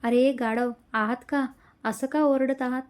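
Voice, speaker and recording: A woman's voice: a little high, fairly even intonation, normal speed, warm tone, close to an everyday voice. A woman voicing a feisty young college athlete who answers her friends with bossy, teasing retorts. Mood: irritated.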